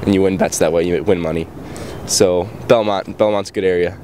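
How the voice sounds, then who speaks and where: A young man with a very low voice answers a street interviewer outdoors at night. He talks offhand and rambling, often restarting his sentences. Clear traffic noise sits behind him. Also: steady tone, a little fast, mellow. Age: young adult. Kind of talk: casual vox pop answers. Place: outdoors at night by a brick wall.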